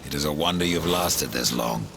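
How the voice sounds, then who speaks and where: Death, a very deep, gravelly reaper. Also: male voice, moderate pace, noisy background. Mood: dryly sardonic. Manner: dry, sardonic, terse. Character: Death, grim, sardonic male Horseman. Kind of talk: video game cutscene acting. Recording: loud music under the voice.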